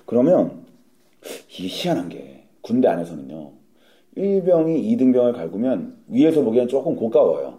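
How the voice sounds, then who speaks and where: Young man, podcast co-host, animated storyteller, mellow tone, echoey room. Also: medium pitch, moderate pace. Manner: animated storyteller acting out army scenes. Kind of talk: casual comedic chat.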